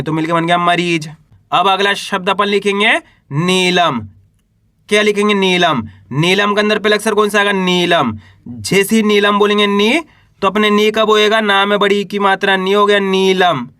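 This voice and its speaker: A patient male teacher with a high, bright voice sounds out syllables one by one for beginners. He asks himself each question and answers it in a slow, even classroom rhythm. His voice is recorded close up and dry, with no room echo. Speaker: Hindi reading teacher. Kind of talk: slow spelling lesson for beginners.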